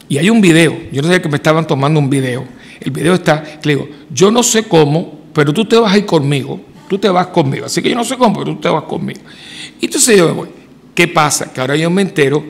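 A man's voice: fairly high pitch, creaky. A man, a priest, telling a personal story in a loose conversational homily, rambling along and lifting his voice to quote others. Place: church. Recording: long church reverb.

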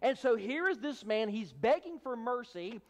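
A man's voice: very high-pitched, sing-song, moderate pace, big-room sound. A man preaching a sermon as pastor, emphatic, acting out voices of a crowd. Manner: emphatic preaching, acts out the crowd's hushing in a raised voice. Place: church sanctuary.

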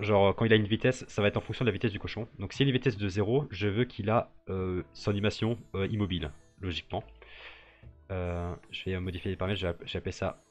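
Young guy streaming, real deep voice, lots of euhs, soft music behind. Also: muffled recording. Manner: thinks aloud, many fillers and restarts. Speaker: streamer building a 3D model live. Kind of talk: casual live-stream commentary.

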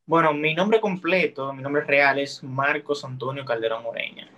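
A 19-year-old man with a Dominican accent, a guest chatting in a relaxed, friendly way on a video-call interview. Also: mid-range voice, moderate pace, highs cut off, crowd noise. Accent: Dominican Spanish. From Dominican Republic. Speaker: guest TikToker. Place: small room indoors.

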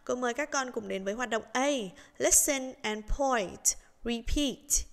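A woman teaching English to young children, in a slow, patient lesson voice, breaking words into syllables in a sing-song way. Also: a little high, gravelly, long reverb tail.

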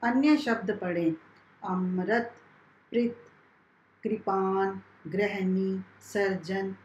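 A woman teacher leads a primary school lesson at a very unhurried pace. She spells out each sound carefully, as if for young children. Her voice carries a clear echo from the room around her. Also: medium pitch, fairly even intonation, a little mellow, slight background noise. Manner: slow, carefully spelled-out classroom instruction. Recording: echoey room.

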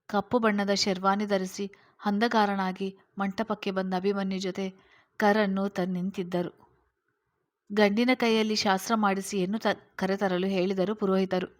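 A woman narrating a serialized story in a steady, measured reading voice. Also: mid-range voice.

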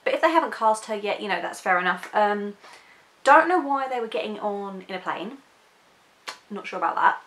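A woman talking to her viewers in a casual reaction video. She is chatty and candid, with apologetic asides, and her voice sits at a mid pitch. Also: animated, normal speed, fairly bright tone. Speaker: book vlogger.

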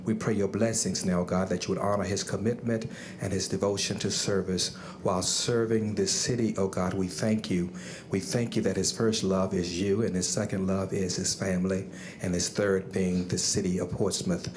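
A man with a deep voice leads a public prayer as a reverend. His delivery is solemn and reverent, fairly level, built on repeated phrases. A faint rumble sits behind him. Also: little pitch movement, moderate pace, darkish tone. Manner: reverent, rolling phrases with repetition.

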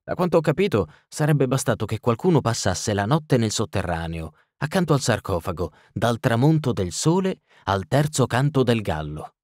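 A bearded nobleman with a dry, faintly ironic calm, as a male narrator puts him on. His voice sits higher than the reader's own, measured and unhurried. Close, dry recording. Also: dry recording, close to an everyday voice. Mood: explaining.

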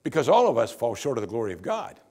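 An older pastor, miked with a lapel microphone, gives a church sermon from the pulpit at a quick pace. His mid-range voice carries a lively, wry, conversational tone.

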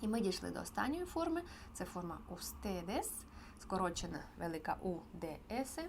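A woman teaching an online beginner language lesson, explaining clearly and patiently with frequent pauses. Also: lowish voice, very animated, darkish tone, a little hiss or hum. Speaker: Spanish teacher.

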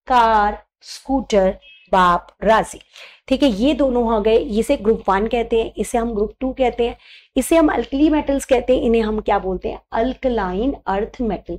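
A woman teaching a chemistry class, her voice sitting a little high. She dictates memory tricks slowly and repeats them, moving between Hindi and English terms. She checks in with her students again and again. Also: dark tone. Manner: slow, repetitive dictation of mnemonics; checks in with "thik hai".

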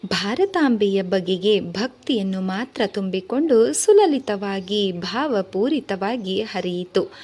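A woman storyteller reading a novel aloud, with measured, expressive first-person narration. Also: mid-range voice.

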